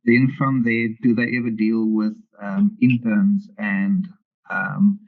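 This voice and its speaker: Casting: man as interviewed lecturer, creaky and flat in pitch, heard through tinny narrow band. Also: slow pace. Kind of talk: explanatory interview answers. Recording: muffled, phone-like narrow band.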